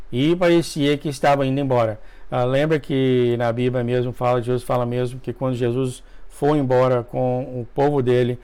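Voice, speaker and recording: A man reading a dream testimony aloud to viewers, emotional, with asides, often coughing and clearing his throat. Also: mid-range voice. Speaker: religious video narrator.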